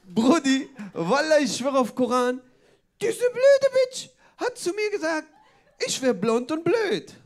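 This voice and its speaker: A man voicing a brash teenage girl on a train who talks loud street slang. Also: extremely high pitch, huge pitch swings, slow pace, pitched above the performer's own voice, full character voice.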